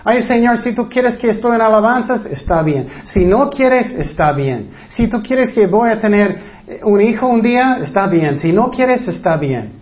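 A high-pitched man delivers an earnest sermon, acting out anxious voices to make his point. The recording sounds dull and lo-fi. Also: animated, normal speed. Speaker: preacher.

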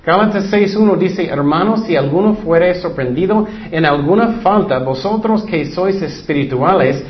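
A man's voice: high-pitched, animated, normal speed. Earnest man preaching, dull lo-fi sound. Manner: earnest, conversational preaching with frequent asides. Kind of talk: informal Bible teaching. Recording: dull lo-fi recording.

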